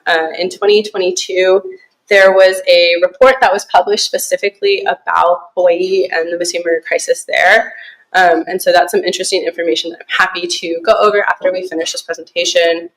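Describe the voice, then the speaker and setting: A young woman from Alaska giving a casual presentation to a small group, relaxed and chatty with many fillers and easy laughs. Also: on the low side, brisk, low-quality recording. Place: small conference room.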